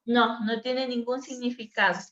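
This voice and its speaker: A woman's voice: a little high, flat delivery, moderate pace, a bit bright. A woman teacher, patiently explaining a dyslexia assessment to a workshop group over a video call. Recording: echoey room, dull lo-fi sound.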